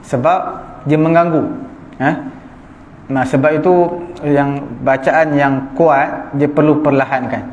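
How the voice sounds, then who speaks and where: A man with a Malaysian Malay accent giving an evening religious lecture as a teacher, explaining points in a measured way with fillers and quick check-ins to his listeners. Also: on the high side, fairly even intonation, a little mellow, dull audio, a little hiss or hum. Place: prayer hall of a small mosque. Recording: echoey prayer hall.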